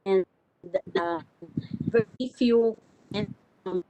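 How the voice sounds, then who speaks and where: A woman doctor speaking over a video call whose audio is choppy and keeps breaking up, so her halting words come through in fragments. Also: fairly high pitch, lively intonation, gravelly, warm tone, dry recording, lo-fi sound. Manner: halting, stop-start speech. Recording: faint hiss, distant video call line.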